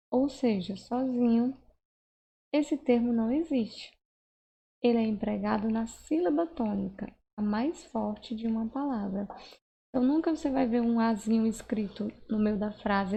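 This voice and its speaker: A Portuguese teacher gives a grammar lesson, patiently explaining step by step and checking in with the listener through frequent tag questions. Her voice is a little high, creaky and mellow, with a bit of hiss or hum.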